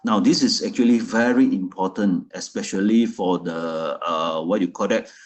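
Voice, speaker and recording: A man's voice: low-pitched, normal speed. A man presenting a product in a loose, repetitive way, often restarting his phrases.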